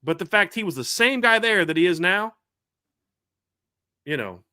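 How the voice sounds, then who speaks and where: Bright-toned man hosting sports talk. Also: high-pitched, normal speed, no echo, clean studio sound. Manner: animated, rambling, frequent restarts. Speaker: podcast host. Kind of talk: casual live sports talk.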